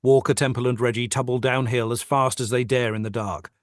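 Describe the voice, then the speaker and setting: A man reads the stage directions of a script in a steady, matter-of-fact way. His pitch is middling and the sound is dry and close, with no room around it. It is a plain table read over a video call. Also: brisk, no room sound.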